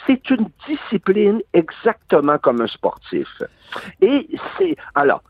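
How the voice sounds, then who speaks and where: A man's voice: high-pitched, slow, breathy edge, no room sound, phone-quality sound. A man in his sixties with a Québécois accent, an actor guest talking at length in a radio interview. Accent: Québécois French. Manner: animated, long-winded monologue.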